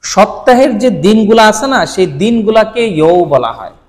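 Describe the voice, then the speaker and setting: A man's voice: sits high, very animated, a little fast, in a large hall. A man teaching Japanese in a casual tone, often posing questions and answering them himself, with frequent check-ins to the viewer. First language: Bengali. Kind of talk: casual explanatory lesson.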